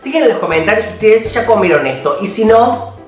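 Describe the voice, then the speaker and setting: A man's voice: high-pitched, lively intonation, a little fast. A young man with an Argentine accent chatting casually and playfully as host of a snack-tasting vlog. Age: young adult. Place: small bare-walled room indoors. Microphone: camera a short distance away. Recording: roomy, distant camera microphone, faint music.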